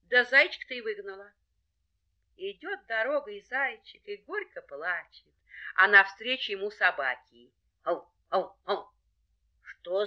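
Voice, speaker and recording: A woman reads a folk fairy tale aloud with a bright, clear voice and a high pitch. Her delivery is unhurried and sing-song, with the melody rising and falling widely. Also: lo-fi sound. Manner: lively, sing-song storytelling. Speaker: storyteller.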